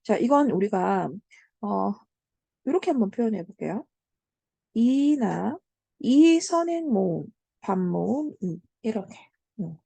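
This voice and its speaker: Woman teacher walking students through grammar, lively sing-song voice, keeps checking they follow, warm tone. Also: mid-range voice, vocal fry, breathy edge, dry recording. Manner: fills pauses with "자" and "음", asks the class check questions. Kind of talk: online lecture to high school students.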